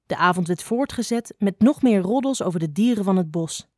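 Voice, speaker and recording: Female narrator, calm storybook reading, dry close sound. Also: medium pitch, brisk, no room sound.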